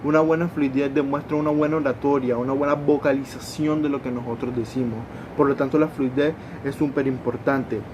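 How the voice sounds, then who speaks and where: Male student presenting in class, hesitant and repetitive, with traffic rumble audible. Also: fairly even intonation, brisk, few pauses, dull audio. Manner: repeats words and restarts while explaining.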